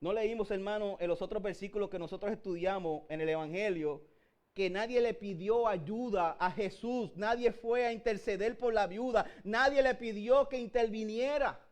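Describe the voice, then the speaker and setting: Preaching a sermon in a Puerto Rican accent, a high-voiced man speaks at a moderate pace. He calls his listeners "hermano" (brother) over and over and builds up to emphatic peaks.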